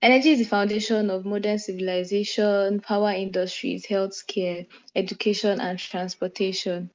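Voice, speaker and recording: Woman, student presenter, mid pitch, steady and explanatory, dull screen-recorded video call sound. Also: normal speed. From Nigeria. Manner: steady explanatory delivery with brief self-corrections. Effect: screen-recorded video call audio. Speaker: mentee group presenter. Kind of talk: online class presentation. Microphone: computer microphone on a video call.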